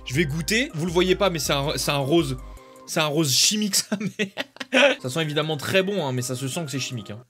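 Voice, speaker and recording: A young man with a notably high voice talks casually while unboxing, joking around and slipping into slang. He gets excitable and shouts out exclamations, and faint music plays behind him. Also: brisk. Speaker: YouTuber.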